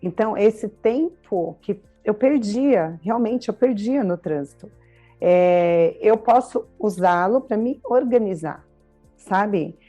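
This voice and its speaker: A woman's voice: medium pitch, expressive, slow, mellow, faint music behind. A woman in her thirties with a Brazilian Portuguese accent, co-hosting a podcast in casual chat, explaining with everyday examples and frequent tag questions. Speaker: podcast co-host.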